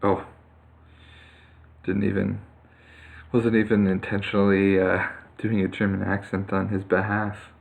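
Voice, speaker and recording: A man's voice: sits low, flat delivery, unhurried, creaky, long pauses. A man casually commenting live on his own Go game, thinking aloud with many fillers and restarts. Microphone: computer mic on a screen capture.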